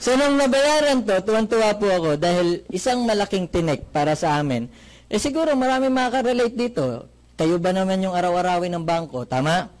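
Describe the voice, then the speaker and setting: A man from the Philippines giving a lively testimonial talk, telling his story with jokes and asking the audience questions. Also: sits high, brisk. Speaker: motivational speaker giving a testimony.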